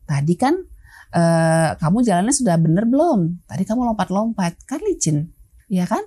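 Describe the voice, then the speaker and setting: Woman, parenting guest, mellow warm tone, hesitant fillers, acts out examples. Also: lowish voice, sing-song, normal speed, breathy edge. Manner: hesitant, many fillers and restarts; acts out parent and child lines. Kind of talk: interview, explaining with acted examples.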